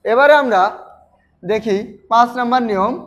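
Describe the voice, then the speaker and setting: A man's voice: very high voice, normal speed, fairly bright tone. A man teaching pronunciation, repeating each word several times and speaking directly to his students. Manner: addresses students directly with instructions. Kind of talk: pronunciation lesson. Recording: dull lo-fi recording.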